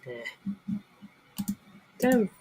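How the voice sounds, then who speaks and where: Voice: drawn-out words, background noise. A livestream host giving casual, off-the-cuff live football commentary while watching a match.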